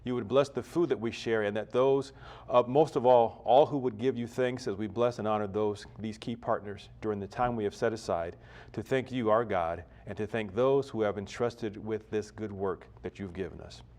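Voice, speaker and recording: A man's voice: fairly low pitch, normal speed, darkish tone. A man hosting an awards ceremony, opening with a prayer and reading out sponsors in a formal manner. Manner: formal, reads sponsor list. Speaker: ceremony emcee.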